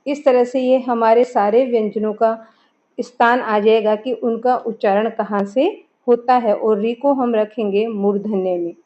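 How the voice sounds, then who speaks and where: In a classroom lesson on grammar, a woman explains things step by step, posing questions and answering them herself. Her voice is fairly high yet dark in tone, steady and unhurried, captured in a dull lo-fi recording.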